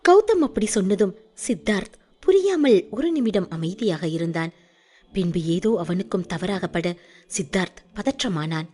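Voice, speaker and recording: A woman narrating an audiobook with expressive storytelling. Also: mid-range voice, moderate pace.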